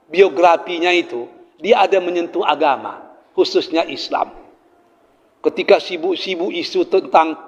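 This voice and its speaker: Preacher man in an echoing hall. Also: fairly high pitch. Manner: animated storyteller, acts out quoted speakers, jokes with the audience. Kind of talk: sermon storytelling. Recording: dull sound with long hall reverb.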